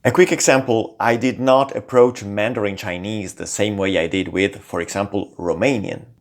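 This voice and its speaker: Speaking at a moderate pace, this language-learning channel host delivers a scripted piece to camera. He is a man with a lower voice and Italian as his first language, and his lively intonation shifts often, sprinkled with small fillers.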